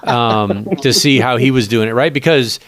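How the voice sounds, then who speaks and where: A man who works as a radio broadcaster, talking casually as an interview guest, eager and halting with many fillers. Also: mid-range voice, a bit bright. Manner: eager, halting, lots of likes and ums.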